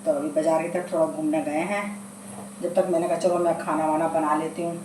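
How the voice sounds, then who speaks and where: A woman's voice: sits low, level tone, fairly quick, background noise. A middle-aged woman vlogging casually from her home kitchen while unwell, chatting at length and retelling conversations with family.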